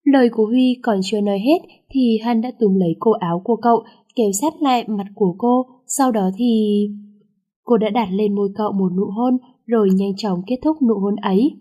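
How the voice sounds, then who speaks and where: A woman narrates a romance novel in a steady, even storytelling manner. Her voice is mellow and warm, and her pitch is mid-range. She reads with calm narration. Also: normal speed, highs cut off. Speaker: audiobook narrator. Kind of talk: reading a romance novel aloud.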